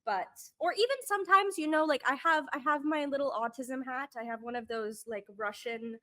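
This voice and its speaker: Earnest rambling woman, candid podcast guest. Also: normal speed. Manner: rambling, earnest, full of restarts and fillers; lively, with sudden jumps in pitch and loudness.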